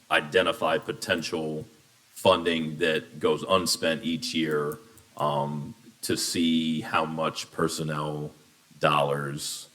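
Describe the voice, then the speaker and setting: A man speaking for a union coalition in a bargaining session, measured and deliberate, slowing down to dictate data requests in a meeting room. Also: very deep voice, fairly bright tone. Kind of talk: formal negotiation statement.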